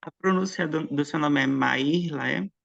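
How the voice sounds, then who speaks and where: A man chatting casually with a colleague before an online conference session, friendly and quick to laugh, heard over a video call. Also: fairly high pitch, steady tone, vocal fry, fairly bright tone, highs cut off. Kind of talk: casual online meeting chat.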